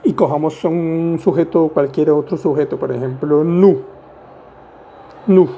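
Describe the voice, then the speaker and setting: A male teacher walks through a grammar lesson at an unhurried, deliberate pace. His voice is deep-toned and mellow, sitting a little high for a man. He is patient and playful, asking questions of the listener as he explains each step. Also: fairly even intonation, slight background noise. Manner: patient, asks rhetorical questions, playful asides. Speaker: French teacher.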